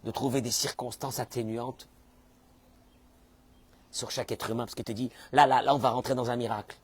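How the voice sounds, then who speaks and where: A man preaching a sermon in as a rabbi, acting out the people he quotes and suddenly bursting into shouts. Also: mid-range voice, steady tone, normal speed, husky, dry recording. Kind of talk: animated sermon.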